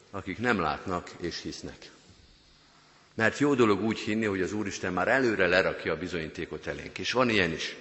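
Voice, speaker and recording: A man's voice: sits low, fairly bright tone. Earnest male pastor preaching in a church. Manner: earnest, addresses the congregation directly. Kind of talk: sermon. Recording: long church reverb.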